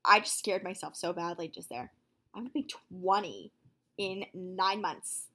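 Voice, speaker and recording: A nineteen-year-old woman talking casually to her viewers in a vlog, chatty and full of fillers, quick to exclaim. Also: on the low side. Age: young adult, nineteen. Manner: excitable, quick to gasp and exclaim. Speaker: vlogger.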